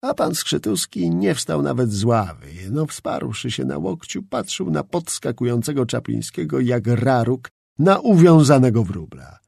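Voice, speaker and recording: A man's voice: mid-range voice, sing-song, measured pace, creaky, darkish tone, husky, dry recording, clean studio sound. A man narrating a historical novel as an audiobook, reading expressively.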